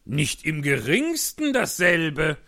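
A man's voice: fairly high pitch, big pitch swings, slow pace, vocal fry, bright, forceful tone, heavily acted. A man playing a grumpy, fussy male Hatter in an audiobook reading, curt and scornful. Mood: grumbling.

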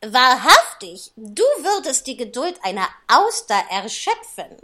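A man's voice: very high voice, wildly swooping pitch, background noise, voice pushed up, full character voice. A preachy old mother toad, voiced by a man. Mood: exasperated. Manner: moralizing, slow.

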